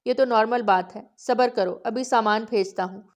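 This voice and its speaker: A woman narrator voicing a gentle young man who cares for a girl, speaking softly and coaxingly in an audiobook. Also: fairly high pitch, natural voice. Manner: soft, coaxing.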